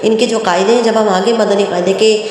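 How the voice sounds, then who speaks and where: A woman teaching Quran reading, explaining patiently and repeating each letter in a drawn-out chant. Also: mid-range voice, steady tone, a little mellow, slight background noise. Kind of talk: step-by-step recitation lesson. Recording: very echoey room with long reverb.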